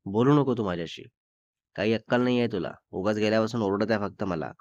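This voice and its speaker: A man's voice: fairly low pitch, fast talker, a little mellow, no room sound, lightly acted. A man voicing a sulky young woman, a girlfriend who complains tearfully and makes demands in a petulant way. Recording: dull lo-fi dry recording.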